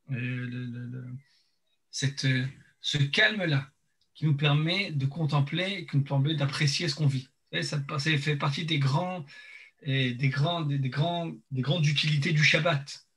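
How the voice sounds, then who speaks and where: Halting male teacher, mouth numb from the dentist. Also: fairly high pitch, fairly bright tone. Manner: hesitant, repeats and searches for words. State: mouth partly numb from dental anaesthetic. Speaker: religious teacher. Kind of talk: informal religious text lesson.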